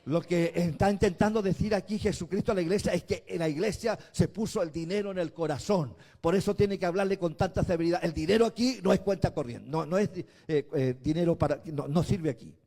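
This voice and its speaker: High-voiced preacher swinging to shouts. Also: male voice. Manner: swings from quiet to shouting emphasis; spells out words slowly. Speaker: bishop. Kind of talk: sermon.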